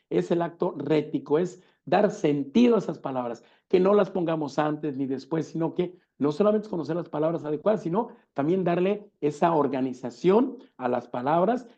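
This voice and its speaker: A man gives a law lecture, his voice slightly high for a man yet dark and mellow. There is a gravelly fry under his words. He keeps asking the room rhetorical questions and hammers the same key terms over and over. The recording is dull and lo-fi.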